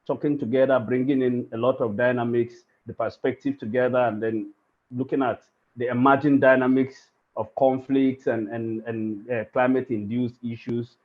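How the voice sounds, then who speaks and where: A man speaking as a panelist in a webinar, halting and often rephrasing as he goes. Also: mid-range voice, fairly even intonation. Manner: halting, circling back to rephrase. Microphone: video call. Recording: lo-fi call audio.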